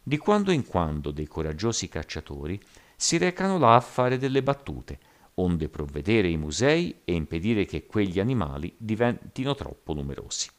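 A man voicing a stern older sea captain, explaining things in a measured way, in an audiobook reading. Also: low-pitched, sing-song.

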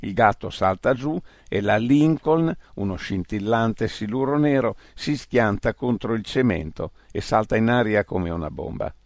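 Gravelly low-voiced male narrator. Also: expressive, measured pace, hardly any pauses, a little mellow, no echo, studio quality. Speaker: audiobook narrator. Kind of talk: scripted narration.

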